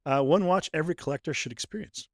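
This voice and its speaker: A fairly high-voiced man hosts a podcast in easy, upbeat chat. His voice sounds close and dry. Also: quick pace, no room sound. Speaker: podcast host. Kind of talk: casual chat.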